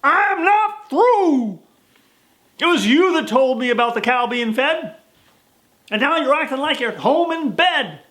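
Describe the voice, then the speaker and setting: A man playing a fervent, indignant young frontier preacher in a story poem, American, loud and straining. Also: extremely high pitch, sing-song, pitched above the performer's own voice, full character voice. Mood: outraged. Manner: loud, straining, drawn-out emphasis.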